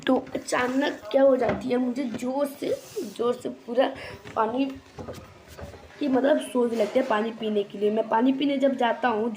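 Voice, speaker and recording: A woman's voice: a little high, darkish tone. A woman casually telling a long first-person story, rambling and repeating herself with many fillers and restarts.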